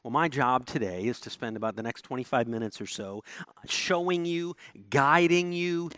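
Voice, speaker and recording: A man preaching a sermon as pastor, animated, swinging between emphatic declarations and low, quiet lines. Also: moderate pace, dry recording.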